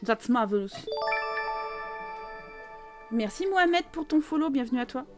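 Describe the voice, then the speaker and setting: Young French woman, fairly high voice, rambling casual streamer chatter full of fillers. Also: lively intonation, quick pace, over music. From France. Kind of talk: casual live game commentary with chat.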